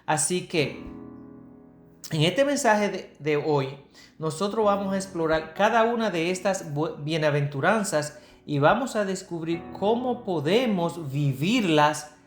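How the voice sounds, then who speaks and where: A woman's voice: lowish voice, expressive, measured pace. A woman from the Republic, giving an earnest Bible teaching sermon and answering her own rhetorical questions. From Dominican Republic. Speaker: preacher. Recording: echoey room with soft guitar music. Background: faint guitar music.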